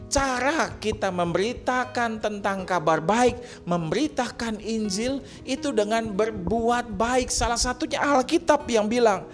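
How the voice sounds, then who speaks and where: A man preaching a sermon, telling everyday stories, joking, laughing and acting out bits of dialogue. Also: very high voice. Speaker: pastor.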